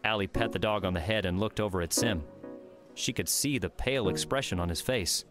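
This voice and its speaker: A man narrating an audiobook in steady, even storytelling. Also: on the low side, a little fast, music in the background. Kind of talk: scripted narration.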